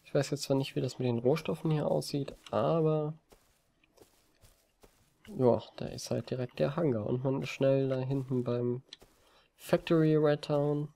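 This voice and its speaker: A man giving relaxed, rambling commentary over a video game from his desk, with frequent hesitations. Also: mid-range voice, measured pace, vocal fry, pauses often. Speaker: let's play gamer. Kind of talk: casual gameplay commentary. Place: home desk. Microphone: desk mic on a stand.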